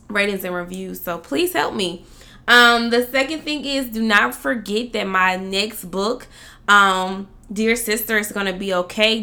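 A woman's voice: medium pitch, vocal fry, sharp tone. A woman hosting a podcast, upbeat and chatty, talking straight to her listeners. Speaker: podcast host. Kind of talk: casual podcast talk with read ad.

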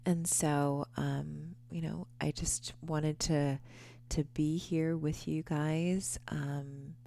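A woman in her thirties hosting a podcast, talking quietly and half-whispering in a groggy early-morning voice at home, with many ums. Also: sits low, creaky. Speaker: podcast host. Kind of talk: casual podcast monologue. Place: quiet home before dawn.

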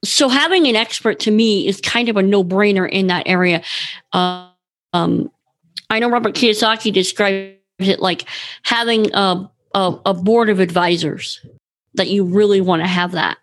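A woman hosting a casual chat, agreeing with her guest and speaking haltingly with many fillers. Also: mid-range voice.

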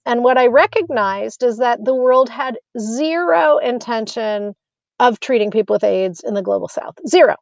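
This guest is a U.S. physician in her fifties, responding to interview questions thoughtfully and sincerely while often restarting and using fillers. Her voice sits a little high and gravelly, with lively intonation, a moderate pace, and no room sound.

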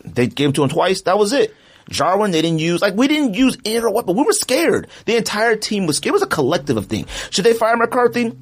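A podcast co-host with a high, slightly rough voice rants quickly about a football team's season. He's animated and slangy, rambling loosely through what amounts to casual sports chat.

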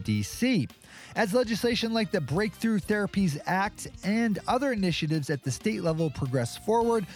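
High, lively male podcast announcer. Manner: polished, measured announcer delivery. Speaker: show announcer. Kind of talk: scripted podcast intro narration.

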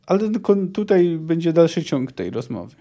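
A man's voice: a little high, very animated, moderate pace, warm tone. A man hosting a book podcast, talking casually and thinking aloud, with frequent restarts and hesitations. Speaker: podcast host discussing a book.

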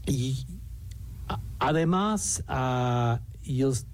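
A middle-aged or older man from New York, a native English speaker with an American accent in Spanish, talking haltingly as an interview guest and searching for words. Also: medium pitch, expressive. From New York City, United States.

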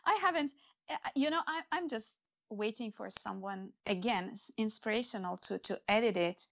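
At normal speed and medium pitch, with a somewhat bright tone, an author interviewed about faith and her stories speaks earnestly. She isn't a native English speaker, and her talk is full of fillers and restarts.

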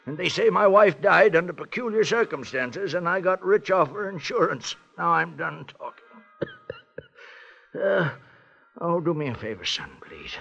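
A man's voice: fairly high pitch, a bit bright, full character voice. An actor playing a frail, sleepy, fearful old man, rambling and mumbling in 1940s radio style. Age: older. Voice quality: creaky, raspy. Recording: muffled old radio broadcast.

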